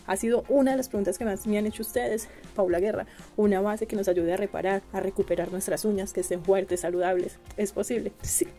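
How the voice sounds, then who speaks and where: A young woman from Colombia with a Medellín accent, chatting warmly and enthusiastically to her viewers about products. Her voice is mellow and mid-pitched. Soft music plays faintly underneath. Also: steady tone, brisk, hardly any pauses. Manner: chatty and gushing, calls viewers "chicas" and "mis amores". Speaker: beauty vlogger. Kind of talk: casual product review for viewers.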